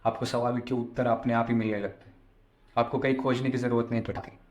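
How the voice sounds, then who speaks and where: A man's voice: mid-range voice, level tone, brisk, darkish tone. A man giving a devotional discourse as a spiritual storyteller, explaining and repeating phrases for emphasis. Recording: echoey room sound.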